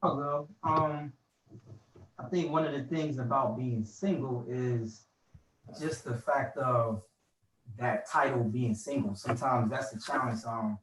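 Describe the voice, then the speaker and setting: A man's voice: mid-range voice, steady tone, unhurried, a bit bright, echoey room, distant mic, a little hiss or hum, rough recording. A man in his forties sharing wry thoughts on being single during a church group video chat. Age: 40s. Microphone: video call.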